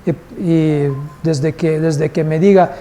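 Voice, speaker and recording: A man's voice: on the high side, fairly even intonation, slow pace, mellow. A male instructor teaching a live class, patient and asking the group questions. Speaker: course instructor.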